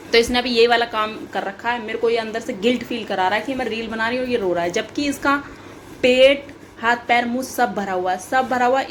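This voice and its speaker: A young woman with a fairly high voice vlogs at home beside an open balcony, filmed by a camera on a tripod. The audio has a slight hiss or hum, and she chats casually, playfully complaining and repeating herself.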